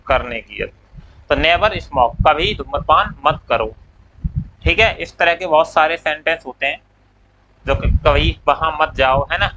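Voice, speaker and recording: A man's voice: on the high side, sharp tone, highs cut off, a little hiss or hum. A man teaching English grammar in a classroom lecture. He asks questions, answers them himself, and draws out the English words as he dictates them.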